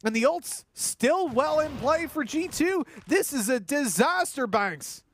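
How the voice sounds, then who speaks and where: A woman giving excited live commentary on an esports match. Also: high-pitched, unhurried, a little hiss or hum.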